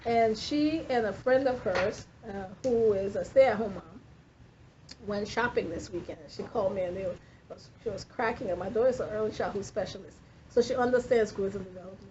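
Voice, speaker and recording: A woman in her fifties giving a lively classroom lecture, quizzing her students as a nursing instructor. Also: medium pitch, brisk. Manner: animated, questioning the class. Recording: dull lo-fi classroom recording with faint noise.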